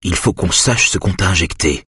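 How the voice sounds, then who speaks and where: A man's voice: normal speed, bright, forceful tone, breathy edge, no room sound, studio quality, heavily acted. Man playing a shaken husband holding it together. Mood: tense. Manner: low, tense and controlled. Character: shaken husband trying to stay calm.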